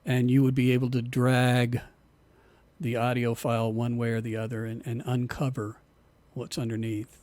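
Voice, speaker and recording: Relaxed man teaching a recording class. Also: medium pitch, moderate pace, dry recording. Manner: relaxed, repeats words while explaining. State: losing his voice. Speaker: music production instructor. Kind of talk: online class lecture.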